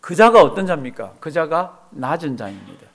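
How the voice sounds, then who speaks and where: A man's voice: a little high, sing-song, normal speed. A man preaching a sermon as pastor, asking the congregation questions and acting out prayers.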